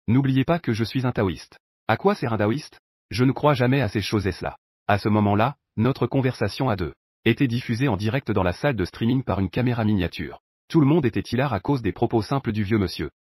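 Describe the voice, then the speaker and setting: A man reading a comic recap aloud as scripted first-person narration in an even storytelling manner. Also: mid-range voice, breathy edge, no echo, studio quality.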